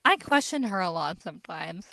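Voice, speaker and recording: A woman's voice: fairly high pitch, vocal fry, fairly bright tone, no room sound, low-quality recording. Tired, giggly woman podcaster, dry sound. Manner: giggly, yawning, playful. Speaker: podcast co-host. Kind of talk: casual chat.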